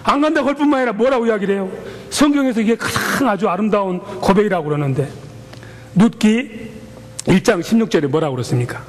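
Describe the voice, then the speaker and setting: A male pastor preaching a sermon in a colloquial, animated storytelling manner. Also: high-pitched, big-room sound.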